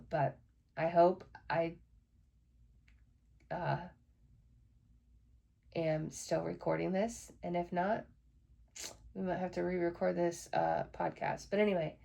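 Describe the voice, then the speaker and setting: Woman podcast host, gravelly voice, dark mellow tone, casual frank chatter. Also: fairly low pitch, steady tone, a little slow, pauses often. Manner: chatty, frank, swears when frustrated. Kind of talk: casual solo podcast chat.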